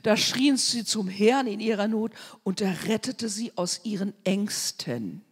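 A woman preaching a fervent sermon, swinging between loud declarations and hushed asides. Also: mid-range voice, expressive, unhurried, slightly rough. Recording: long hall reverb.

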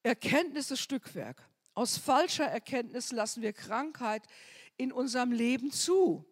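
Husky woman preaching with fervor. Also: on the high side, lively intonation, unhurried. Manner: fervent, swings from soft near-whispers to loud cries. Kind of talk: sermon.

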